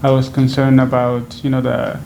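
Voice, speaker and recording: Seated on a sofa in a small room, a Venezuelan man in his twenties speaks into a stand microphone in front of him. His medium-pitched voice is creaky and darkish, totally flat, at a moderate pace, and he answers interview questions thoughtfully and hesitantly, full of fillers and restarts. Slight background noise is audible.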